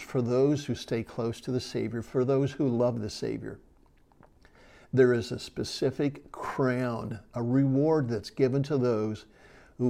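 A man teaching a sermon on a Bible passage, earnest and explanatory, slowing down to stress key words. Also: medium pitch, vocal fry, mellow.

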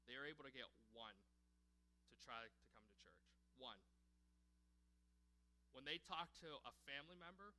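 A man's voice: medium pitch, sharp tone, poor audio. A young man giving an earnest sermon, telling stories to the congregation. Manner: storytelling, earnest. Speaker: preacher.

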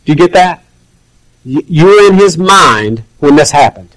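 Conversational preacher, fairly high male voice. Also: expressive, normal speed, a bit bright, poor audio. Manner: conversational, acts out quoted voices. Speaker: pastor. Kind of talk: sermon.

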